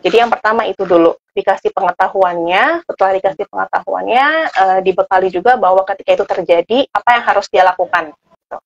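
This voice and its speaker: A woman explaining parenting advice in a relaxed interview, filling pauses with soft "eh" sounds and casual tag words. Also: medium pitch, no room sound. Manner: relaxed, full of "eh" fillers and "gitu" tags. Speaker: parenting expert guest. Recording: dull, dry lo-fi recording.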